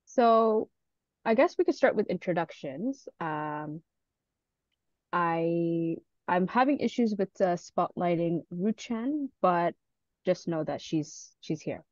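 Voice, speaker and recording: A woman runs an online student panel over a video meeting, talking informally and politely with a self-deprecating touch. Her voice is on the low side and a little mellow, with lively intonation and an unhurried pace. There's no room sound, but the call audio is dull and muffled.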